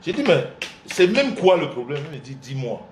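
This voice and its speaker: A man host of a live couples show, telling a family story with animated voices and frequent laughter. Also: a little high, fairly quick, echoey room, a little hiss or hum. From Central Africa. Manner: acts out his mother's and father's voices, laughing often. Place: indoor room, livestream.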